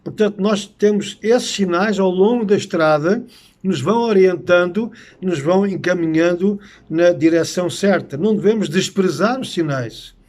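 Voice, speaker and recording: Man, European Portuguese accent, middle-aged, fairly high voice, earnest Bible teacher, hesitant fillers. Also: normal speed, a little mellow. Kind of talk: unscripted teaching talk on prophecy.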